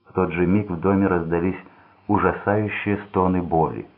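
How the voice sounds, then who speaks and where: A man narrating a thriller audiobook in a steady, measured reading voice. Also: low-pitched. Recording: tinny phone-like sound.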